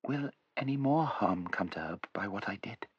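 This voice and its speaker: A man's voice: fairly low pitch, lively intonation, moderate pace, slightly rough, no room sound, lo-fi sound. Man voicing a meek, hesitant young girl. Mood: meek, anxious. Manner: quiet, hesitant.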